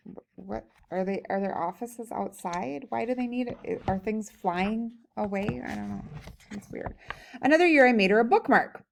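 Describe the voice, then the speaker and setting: A woman's voice: medium pitch, normal speed, vocal fry, a little hiss or hum. A woman teacher reading a humorous story aloud, breaking off for chatty think-aloud comments and laughing while she reads.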